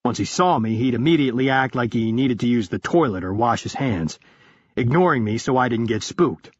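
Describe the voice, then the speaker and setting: A man narrating a thriller audiobook in the first person, calm and matter-of-fact. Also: medium pitch, fairly quick, no room sound, lo-fi sound.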